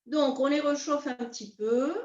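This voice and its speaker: A woman teaching a beginners' qi gong class, calmly guiding her students step by step. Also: high-pitched. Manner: calm, unhurried, step-by-step guidance. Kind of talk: guided class instruction. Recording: roomy, distant, dull sound.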